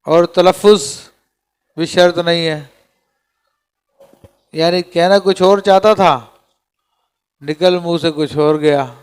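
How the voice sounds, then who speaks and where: A man's voice: a little high, darkish tone, smooth. A man teaching a class on Islamic law, reading Arabic passages aloud and explaining each line, often checking with his students. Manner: reads Arabic text aloud then explains it, often checks "theek hai?". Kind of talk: classroom lecture on a legal text.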